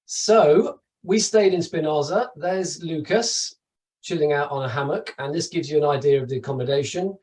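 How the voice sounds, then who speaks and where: A man's voice: fairly high pitch, normal speed, a little mellow, far from the mic, poor audio. A middle-aged man from the UK giving a chatty, enthusiastic webinar presentation over slides, with asides and restarts. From United Kingdom. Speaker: travel company presenter.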